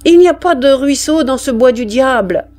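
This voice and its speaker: A woman reading aloud and voicing a gruff male army sergeant, blustering and exclaiming. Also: high voice, lively intonation, moderate pace, darkish tone, voice pushed up.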